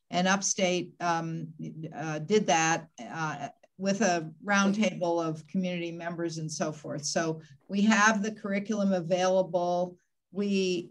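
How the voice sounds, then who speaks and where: A woman's voice: lowish voice, low-quality recording. An older woman on a video call panel, explaining medical facts in an informative, matter-of-fact way.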